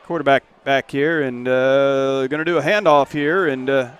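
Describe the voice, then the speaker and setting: A man doing play-by-play of a high school football game from a stadium press box, folksy and relaxed. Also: moderate pace, clean tone, no room sound, highs cut off. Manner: folksy, relaxed, rises when a play starts. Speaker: play-by-play announcer.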